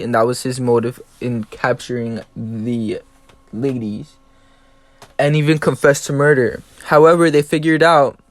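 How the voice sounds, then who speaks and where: A man's voice: medium pitch, dry recording. A young man co-presenting a student podcast, going through prepared notes in a matter-of-fact, list-like way.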